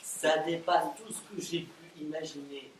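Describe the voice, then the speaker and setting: A man's voice: fairly high pitch, measured pace, close to an everyday voice. An actor playing an impatient, condescending man in a stage play, recorded from far off in a very roomy theatre. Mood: exasperated. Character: exasperated, scheming, haughty man. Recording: very roomy stage audio from far off, faint noise.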